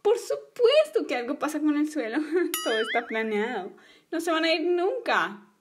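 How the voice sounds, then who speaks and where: A woman's voice: high-pitched, big pitch swings, moderate pace, noisy background. A woman voicing a gloating villainous doll woman in a toy play story, mocking and cackling.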